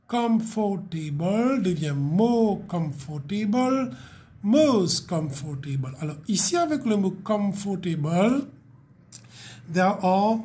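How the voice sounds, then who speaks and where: This primary school English teacher speaks in a medium, dark-toned voice that is animated yet unhurried. Walking her young pupils through grammar, she says every word again with patience and keeps asking "ok?".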